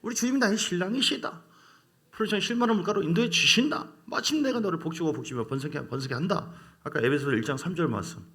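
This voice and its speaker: A middle-aged male pastor preaching a sermon, swinging from quiet passages to loud exclamations. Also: high-pitched, quick pace.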